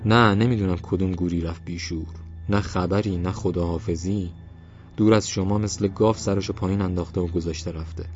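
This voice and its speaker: Brief: blunt, foul-mouthed male truck driver in a storybook reading, a man reading him, low voice, muffled sound. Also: steady tone, close to an everyday voice. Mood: annoyed. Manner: rough colloquial speech, cursing. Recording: slightly muffled, soft music behind.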